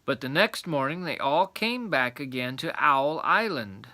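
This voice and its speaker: A man's voice: a little high, expressive, a little slow, sharp tone. A man narrating a children's storybook aloud in a grandfatherly storytelling manner.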